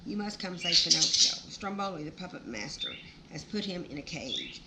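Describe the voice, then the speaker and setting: A tiny, loyal storybook cricket, performed by a woman. He admonishes urgently with animated pitch, and the recording is plainly noisy. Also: moderate pace. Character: small, loyal, scolding male cricket.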